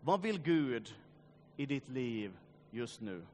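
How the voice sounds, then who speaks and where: A man preaching a sermon, swinging between loud urging and quiet, grave passages, with joking asides to the congregation. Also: mid-range voice, big pitch swings, noisy background. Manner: joking asides, addresses listeners directly. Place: church meeting.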